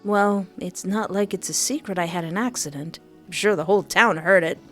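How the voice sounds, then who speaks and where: A woman reads a visual novel aloud at normal speed, expressively voicing both narration and dialogue and shifting her pitch for each character. Faint music plays behind her.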